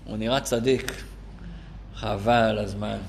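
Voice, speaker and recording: A man teaching a lesson to a live class, telling a story animatedly, his voice jumping up for emphasis. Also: slight background noise. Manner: animated, pitch jumps up for emphasis. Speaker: Torah teacher.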